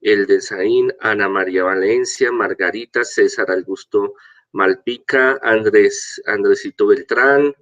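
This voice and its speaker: An older man speaking as a clergyman, greeting the faithful, preaching and reading scripture in a halting way with stumbles and repeated words. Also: fairly low pitch, a bit bright. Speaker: archbishop leading an online prayer and gospel reading. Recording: dull, lo-fi sound.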